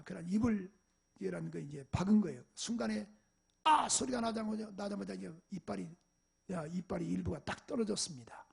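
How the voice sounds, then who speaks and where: A pastor gives a sermon from the pulpit, telling personal stories in an animated way and acting out the people in them. His voice is high, gravelly and very husky. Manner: animated storytelling, acting out parents and shouting at a dog. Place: church sanctuary.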